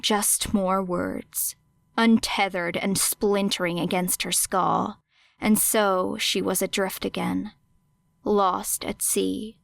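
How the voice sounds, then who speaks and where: Measured yet expressive, this audiobook narrator reads dramatic scripted fiction in a creaky, mid-range voice. The recording sounds dry.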